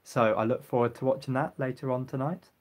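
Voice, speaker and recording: A young man chats casually on a live stream, reading out comments and answering each in turn. His pitch is ordinary and his intonation fairly even, and he fills pauses with frequent ums. His throat is getting sore, so he clears it and coughs now and then.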